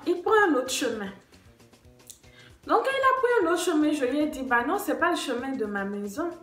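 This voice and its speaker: A woman's voice: fairly high pitch, fairly bright tone. A young woman, animatedly telling a true story on her vlog and acting out the dialogue. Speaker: vlogger. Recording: echoey room.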